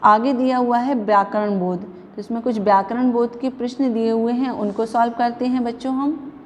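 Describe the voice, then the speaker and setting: Hindi teacher woman, slightly high voice. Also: fairly even intonation, normal speed, in a large hall, a little hiss or hum. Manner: patient, repeats answers, asks the class questions. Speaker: primary school teacher. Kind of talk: Hindi grammar lesson for young children.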